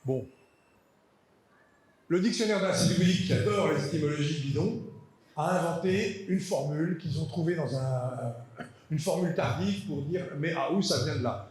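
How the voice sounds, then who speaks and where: A man gives an academic lecture in a voice pitched a little high. He hesitates often and repeats words, dropping in dry asides. The sound is echoey, as in a lecture hall. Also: normal speed, a little mellow.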